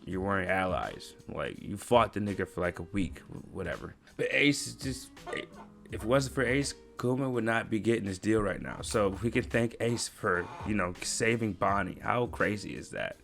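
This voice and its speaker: Man, low gravelly voice, slangy rambling reaction talk, excitable. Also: moderate pace, faint music behind. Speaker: anime commentator. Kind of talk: casual reaction commentary.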